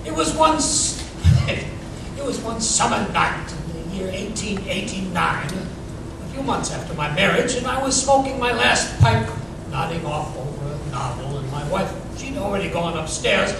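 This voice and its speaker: A man's voice: sits high, animated, unhurried, exaggerated voice. A man playing a genial, curious doctor and storyteller in old-time radio style, hesitant and blustering, often repeating himself. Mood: reminiscing. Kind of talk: 1930s radio drama acting. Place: museum live performance space. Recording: echoey room, distant mic, clear background noise.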